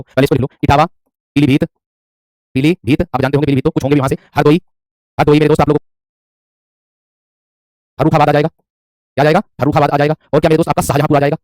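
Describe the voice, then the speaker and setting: Fast-talking male Hindi teacher. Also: a little high, darkish tone, dry recording, clean studio sound. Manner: repetitive, quizzing, calls students "my friend". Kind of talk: online class lecture.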